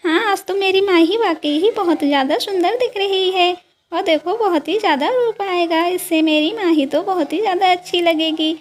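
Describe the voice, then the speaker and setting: Woman doing a doting mother-in-law, very high voice, doll story role-play, fond and boastful. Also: normal speed.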